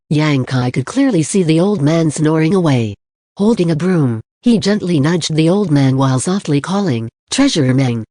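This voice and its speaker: A narrator reading a fantasy novel aloud in a steady, plain storytelling manner. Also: medium pitch, no echo, clean studio sound. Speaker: audiobook narrator. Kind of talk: audiobook narration.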